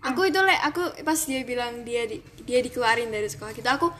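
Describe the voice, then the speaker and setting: A woman's voice: a little high, expressive, fast, fairly bright tone, a little hiss or hum. A teenage girl chatting casually with a friend, hesitant with many fillers. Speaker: podcast co-host. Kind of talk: casual gossip chat.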